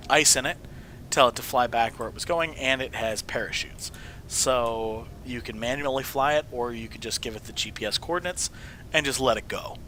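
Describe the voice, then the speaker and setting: A sick video host walks through his game builds in a casual, jokey way, rambling and correcting himself as he goes. His mid-range voice is hoarse and mostly gone, sometimes dropping to a whisper, with sniffles and a sharp tone. There's slight background noise.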